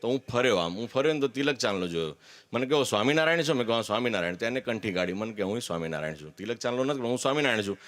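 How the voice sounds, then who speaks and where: A man's voice: mid-range voice, very fast, a bit bright. A man gives a candid, earnest personal testimony at a religious gathering, with emphatic declarations.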